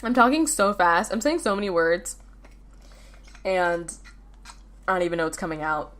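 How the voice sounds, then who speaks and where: A teenage girl talks through her school days on her own podcast, loose and rambling, full of fillers and self-corrections. Her voice sits a touch lower than most girls'. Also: normal speed, fairly bright tone. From United States. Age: teens. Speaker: podcast host. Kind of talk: casual solo chat.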